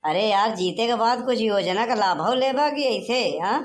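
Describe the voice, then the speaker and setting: A woman's voice: a little high, normal speed, slight background noise, lightly acted. A woman voicing a crafty male village headman in a cartoon, bossy and lecturing in an Awadhi accent. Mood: coaxing. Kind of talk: cartoon comedy voice acting.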